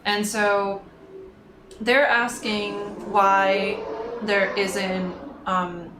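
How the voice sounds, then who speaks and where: A woman's voice: mid-range voice, little pitch movement, drawn-out words. Hesitant woman reporter in an echoey room. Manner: thoughtful, hesitant, lots of ums. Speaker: business reporter, guest. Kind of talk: casual interview chat. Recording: echoey room, faint noise.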